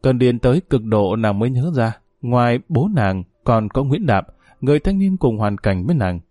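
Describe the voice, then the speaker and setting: Mellow, expressive male novel narrator. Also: mid-range voice, normal speed, no echo, clean studio sound.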